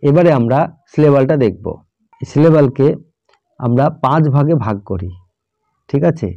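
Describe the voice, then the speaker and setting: A man's voice: medium pitch, expressive, normal speed, dark tone, no echo. A man explains English grammar to students at a patient pace. He spells words out letter by letter and keeps checking whether they follow. The recording sounds dull and lo-fi, with a dry, close sound. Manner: checks in often with "all right?".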